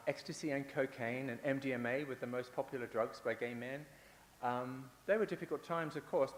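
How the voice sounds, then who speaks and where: A male conference speaker of medium pitch gives a talk in a large hall, where the sound echoes and a faint hiss runs underneath. His style is rhetorical and repetitive, dotted with fillers and restarts.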